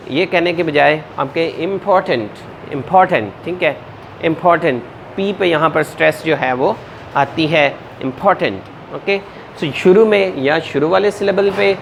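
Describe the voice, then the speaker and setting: A man teaching a spoken English lesson, mixing Urdu and English and modeling words slowly and deliberately. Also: fairly high pitch, creaky, a little hiss or hum. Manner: mixes Urdu-Hindi with English.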